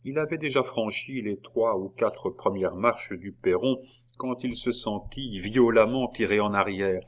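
A man narrates a historical novel in a measured, dramatic reading. His voice sits on the low side and he paces the sentences with care. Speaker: audiobook narrator. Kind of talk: scripted narration.

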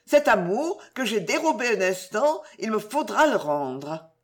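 A woman's voice: medium pitch, very animated, measured pace. A woman voicing a passionate, torn young woman in an audiobook, with exclamations full of emotion. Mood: despairing. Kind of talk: audiobook character reading.

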